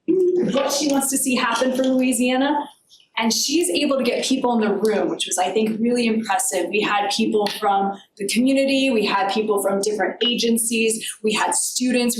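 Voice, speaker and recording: A woman with a slightly high voice introduces a seminar speaker in a relaxed, chatty way. The room rings with echo. Noise sits clearly under the voice. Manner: chatty, relaxed, with fillers and light laughs. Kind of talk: casual spoken introduction. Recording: echoey room, picked up from far off, noisy.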